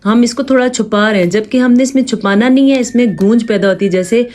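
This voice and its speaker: A woman with a Pakistani Urdu accent teaching tajweed, explaining rules patiently and reciting verses slowly to demonstrate. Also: fairly high pitch, darkish tone. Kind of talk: step-by-step tajweed lesson with slow recitation examples.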